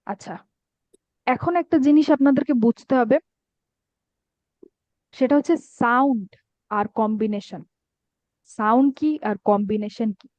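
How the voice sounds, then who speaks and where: A woman's voice: fairly high pitch, steady tone, unhurried, pauses often, darkish tone, dry recording. A woman teaching an online Arabic grammar class, patiently checking that students follow. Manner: patient, checks understanding often. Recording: dull dry lo-fi sound.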